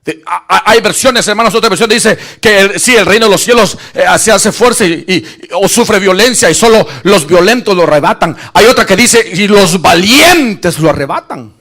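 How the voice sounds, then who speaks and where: Animated man preaching a fiery sermon. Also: high voice, normal speed, hardly any pauses. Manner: animated, shouts and acts out Bible scenes. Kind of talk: lively Spanish-language sermon.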